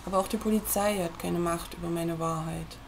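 A woman reading a book aloud at a computer, in a measured, earnest way, as if speaking straight to the listener. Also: lowish voice, fairly even intonation, noisy background. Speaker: reader.

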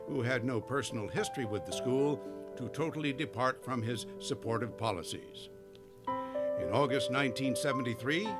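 A man narrating a documentary in a measured, formal scripted read. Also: mid-range voice. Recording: narration over clear music.

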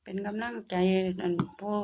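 A woman's voice: normal speed, a little mellow. An older woman with a northeastern Thai Isan accent hosts a casual live stream, reading out viewers' names and comments and laughing often. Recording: dull lo-fi live-stream audio with faint noise.

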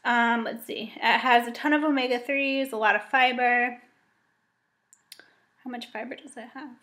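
Young woman, casual vlogger, slightly high voice, upbeat and chatty, webcam at home. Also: steady tone, normal speed, a bit bright. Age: young adult. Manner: chatty, upbeat, frequent ums and likes. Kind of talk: casual grocery haul vlog. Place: home dining room indoors.

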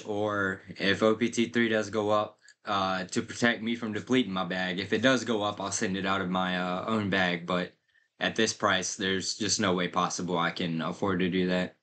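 A man's voice: fairly low pitch, sharp tone. A man giving a casual, rambling update to his viewers, with many fillers. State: has the hiccups. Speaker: crypto channel host.

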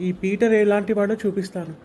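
A man's voice: high voice, fairly even intonation, fast, mellow, slight background noise, natural voice. A young man playing a spoiled, selfish rich son who talks back rudely and dismissively, in an amateur short drama. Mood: contemptuous. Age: young adult. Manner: dismissive, rude, whiny.

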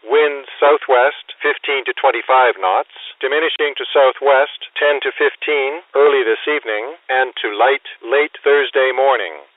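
A man reading marine and local weather forecasts over a VHF marine weather radio broadcast, in a steady, clipped forecast delivery. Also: medium pitch, dry recording. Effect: marine weather radio broadcast heard through a VHF receiver. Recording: tinny dry radio receiver sound.

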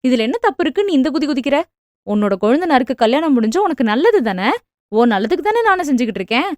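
A woman voicing an anxious, talkative middle-aged mother who scolds quickly and defends herself. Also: sits high, animated, no echo, studio quality. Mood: defensive scolding. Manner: fast, fretful, scolding.

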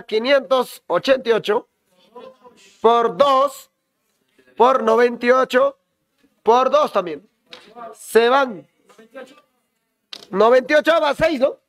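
A man's voice: very high-pitched, a bit bright, no room sound. A man with a Peruvian Spanish accent teaching chemistry in a class, working through problems while joking with and teasing his students. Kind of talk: online class lecture.

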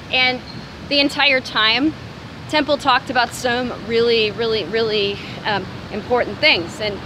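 A woman's voice: on the high side, background noise. A woman in her thirties talks casually into a phone held at arm's length outdoors, rambling with fillers and restarts. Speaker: vlogger. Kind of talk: casual selfie vlog. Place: outdoors by city buildings.

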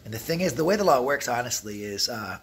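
A man in his thirties, rough-voiced, medium in pitch and quick in pace, tells rambling, streetwise stories in a casual travel storytelling vlog, animatedly retelling them with quoted dialogue. He faces the camera inside an open derelict wooden shack, captured on a phone or camera at arm's length.

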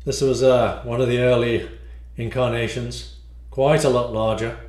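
A man presents a demo of a module he designed, explaining and demonstrating it from a small room at home. His mid-range voice has a flat delivery, a moderate pace, and a darkish tone.

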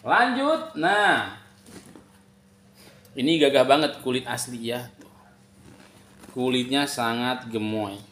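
A young man giving an informal, repetitive and emphatic sales pitch, drawing out key words as he sells. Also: expressive, takes it slowly, long pauses, fairly bright tone. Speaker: online bag seller. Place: large tiled living room, indoors. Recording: echoey room, some background noise.

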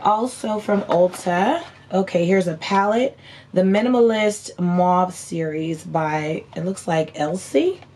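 Hoarse woman vlogger, noisy background. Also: fairly low pitch, slow pace, a little mellow. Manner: chatty, informal, folksy. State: hoarse, voice partly lost from screaming. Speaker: beauty vlogger. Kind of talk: casual chat unboxing haul. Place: indoor room at home.

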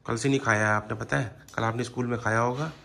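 A man speaks in a soft, coaxing and reassuring way in a casual family vlog. His voice sits at an ordinary pitch. The home recording carries clear background noise. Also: steady tone, fast talker. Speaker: vlogger, parent. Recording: noisy home-video sound.

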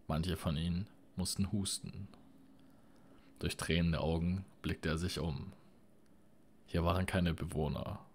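Audiobook narrator, male, very deep voice, steady measured reading.

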